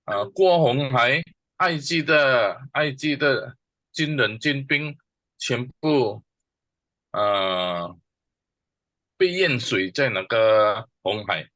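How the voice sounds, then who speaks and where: In an Indonesian church class, a man teaches a Bible verse word by word, posing questions and answering them himself while mixing two languages. He speaks slowly and deliberately, pausing often, in a medium-pitched, sharp voice with no echo.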